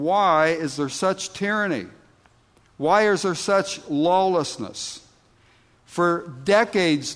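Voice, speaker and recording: A man preaches a sermon in a church, his voice sitting a little high for a man. He takes his time, leaning on words and pausing, then punches out emphatic lines. The sound carries a long reverb from a large hall. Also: a bit bright. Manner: slow, deliberate preaching with emphatic outbursts. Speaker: pastor.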